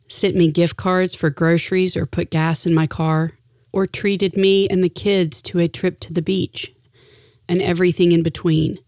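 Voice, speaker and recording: A middle-aged woman reading a personal reflection aloud in an earnest, deliberate way with emphatic phrasing. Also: fairly low pitch, darkish tone, no room sound, studio quality. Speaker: speaker sharing a personal reflection.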